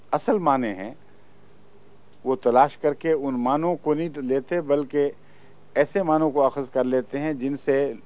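In a mellow, mid-range voice, a man delivers a religious lecture on Quran exegesis. He recites verses in Arabic, then translates them and explains their meaning.

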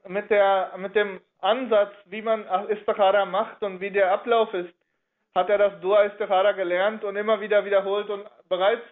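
A man telling a religious history story in a halting way, often reworking his sentences partway through. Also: sits high. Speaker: religious speaker. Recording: narrow phone-like audio.

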